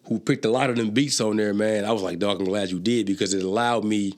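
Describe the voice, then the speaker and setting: A fast-talking man with a lowish voice guests on a casual conversation; he's a rapper and entrepreneur. Stories pour out in profane street slang, and he stammers over restarts when excited.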